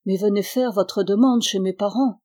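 A shy young shepherd girl from a storybook, speaking modestly and softly, as a woman reader puts her on. The voice is warm and mellow, with a gentle sadness. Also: medium pitch, normal speed, natural voice. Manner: modest, soft-spoken.

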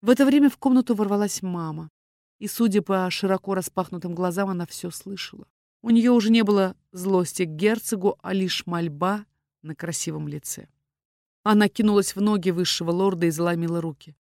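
A woman narrating a first-person fantasy story in an expressive storytelling voice. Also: medium pitch, fairly quick, dry recording, studio quality. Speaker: audiobook narrator.

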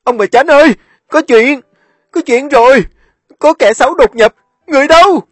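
Storybook: panicked loyal servant lad, put on by a man, yelling high. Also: animated, slow, breathy edge, no echo, full character voice. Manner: frantic shouting.

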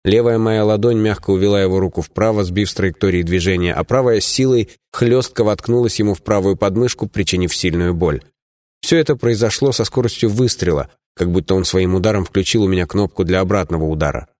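A man's voice: sits low, brisk, a little mellow, no echo, studio quality. A man reading a fantasy novel aloud in first person, plainly and evenly, with small voice changes for the dialogue. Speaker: audiobook narrator. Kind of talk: first-person audiobook narration.

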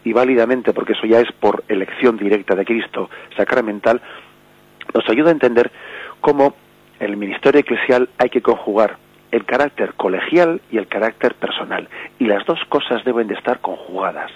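A Spanish bishop explaining the catechism on a radio program, with many fillers and rhetorical questions, speaking in a Spanish accent. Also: male voice, mid-range voice, moderate pace, slightly rough, dry recording, highs cut off. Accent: Spanish from Spain.

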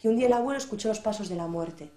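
Woman Galicia, storyteller, quick-talking, fairly high voice, lively, echoey room. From Galicia, Spain. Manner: lively, expressive narration. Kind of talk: oral storytelling.

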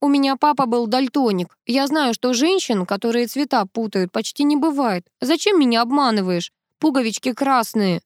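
A woman's voice: on the high side, lively intonation, moderate pace, few pauses, no room sound, clean studio sound, pitched above the performer's own voice, close to an everyday voice. A woman voicing a touchy, tearful woman guest who sniffles and pleads. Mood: whiny.

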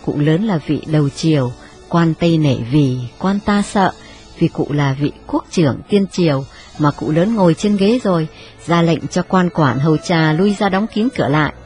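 Một người phụ nữ kể truyện đọc, giọng đều đặn, giọng miền Trung. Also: female voice, sits low, lively intonation, normal speed, a little mellow, faint music behind. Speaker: narrator. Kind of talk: audiobook narration.

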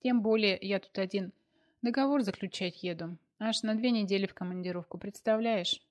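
A woman's voice: mid-range voice, moderate pace, natural voice. Woman doing a playful loving man in a storybook, teasing and fond. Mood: tender. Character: affectionate grown man, teasing lover.

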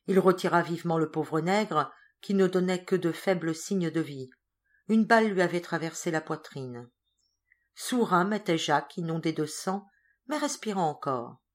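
A woman reading a classic novel aloud as an audiobook, in a measured storytelling way. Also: fairly low pitch, animated. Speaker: audiobook reader. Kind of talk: scripted narration.

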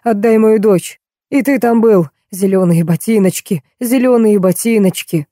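A frail, deranged old man howls accusations and repeats himself in a loud, raw rant, as a woman reads him aloud. The voice is very dark and mellow, recorded dry and close. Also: mid-range voice, measured pace, dry recording, voice pushed up, natural voice. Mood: raving.

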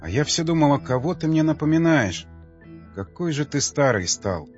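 A man's voice: a little high, big pitch swings, moderate pace, muffled recording, faint music behind. A male narrator voicing a hostile, rude young warrior woman who snaps at her prisoners. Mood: stunned. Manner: rude, snapping.

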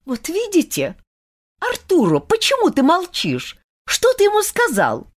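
A woman voicing an indignant young woman who scolds in a high, pleading voice. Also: wildly swooping pitch, unhurried, exaggerated voice. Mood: alarmed.

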